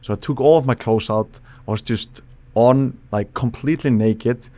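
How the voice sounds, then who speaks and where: A man from Iceland, a psychologist guest on a podcast, explaining in a thoughtful, halting way with frequent restarts. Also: medium pitch, mellow. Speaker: psychologist and charisma expert guest. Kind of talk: casual podcast interview.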